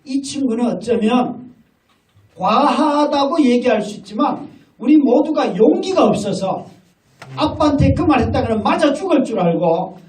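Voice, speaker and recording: A man's voice: extremely high pitch, expressive, moderate pace, a little mellow. A middle-aged male pastor preaching a sermon, telling stories and acting out family dialogue. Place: large hall at a retreat. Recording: echoey hall from far off with faint noise.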